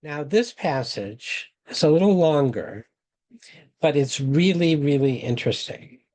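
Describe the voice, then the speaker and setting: Slow, mellow-voiced man reading scripture. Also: on the high side, expressive, rough recording. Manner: measured, reads quotations slowly and deliberately. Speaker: webinar presenter.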